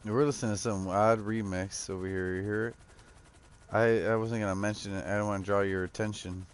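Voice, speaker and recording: A man with a fairly low voice talks casually with friends while he plays, relaxed and chuckling between remarks. Game gunfire pops in the background behind his chat. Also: fairly quick, clear, resonant tone. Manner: laid-back, chuckling, chatty banter with friends. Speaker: gamer streaming with friends.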